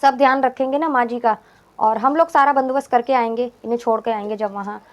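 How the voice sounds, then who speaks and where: A woman's voice: fairly high pitch, brisk, dull audio, lightly acted. A woman voicing a scornful daughter-in-law who scolds and dismisses her mother-in-law in a storytelling reading. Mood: scolding.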